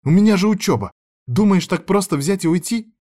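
A man voicing a dramatic, excitable teenage girl who is the narrator's younger sister. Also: mid-range voice, normal speed, pitched above the performer's own voice, natural voice. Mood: indignant. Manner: exclaiming, protesting, dramatic.

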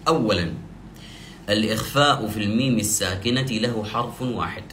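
A man teaching the rules of Quranic recitation, explaining step by step and slowly drawing out the example verses he recites. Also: low-pitched, a bit bright, a little hiss or hum. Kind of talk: tajweed lesson.

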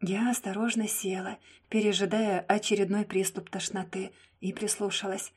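A young woman narrating a first-person audiobook, soft and subdued, often close to a whisper. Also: mid-range voice, flat delivery, moderate pace, slightly rough.

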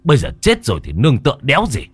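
A man's voice: medium pitch, wildly swooping pitch, rapid-fire, husky, no room sound, soft background music, pitched above the performer's own voice, full character voice. A man voicing a scornful villager who curses coarsely and sneers.

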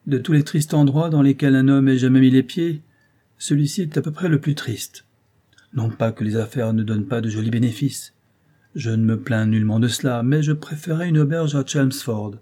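Man voicing a grumpy innkeeper guy, gruff, complaining, kinda raspy. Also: medium pitch, warm tone, natural voice. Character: surly grumbling male innkeeper, coarse and bitter.

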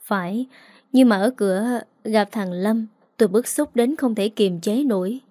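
A woman's voice: medium pitch, measured pace, warm tone, no room sound, clean studio sound, lightly acted. A woman voicing a remorseful older father who humbly pleads for forgiveness. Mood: pleading.

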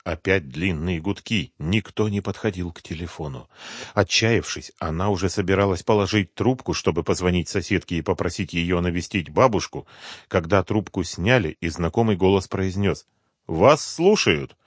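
A man's voice: sits low, moderate pace, breathy edge, no echo. Dry, close male audiobook narrator. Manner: calm, even storytelling. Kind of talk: scripted narration.

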